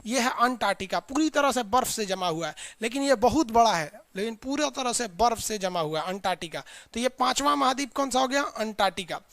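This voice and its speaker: Chatty teacher drilling a class. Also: male voice, very high voice, expressive, fairly quick, hardly any pauses, a bit bright, no room sound. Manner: drills class in call-and-response lists; chatty, scolding asides to students. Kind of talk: live online geography class.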